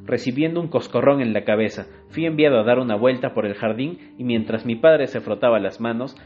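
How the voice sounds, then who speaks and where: A man reads a literary short story aloud, measured and expressive. A faint plucked guitar plays beneath him. The recording is dull and lo-fi. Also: mid-range voice. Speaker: narrator. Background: faint guitar music.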